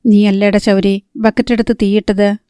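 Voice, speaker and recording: A woman's voice: medium pitch, level tone, normal speed, clean tone, dry recording, clean studio sound, close to an everyday voice. Woman voicing a stern old grandmother. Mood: angry. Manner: scolding, sharp questioning.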